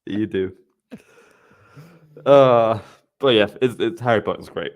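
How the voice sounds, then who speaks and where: A man with a lowish voice hosts a relaxed live-stream podcast. He rambles, restarts his sentences and reads out chat messages. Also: vocal fry. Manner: rambling, with many restarts and quick laughs. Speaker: podcast host.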